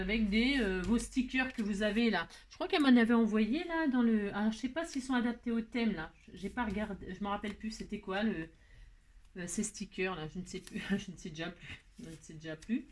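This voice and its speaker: A woman's voice: a little high, moderate pace. A woman hosting a crafting tutorial, chatting playfully and talking to herself while she works. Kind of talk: casual craft tutorial talk.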